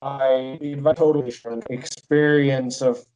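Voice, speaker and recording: A man on a video call with a bad Wi-Fi connection, his words breaking up and dropping out as he haltingly restarts sentences. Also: mid-range voice, flat delivery, darkish tone, highs cut off. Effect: choppy bad connection with dropouts and frozen audio. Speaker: student asking a meditation teacher. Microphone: video call over weak Wi-Fi.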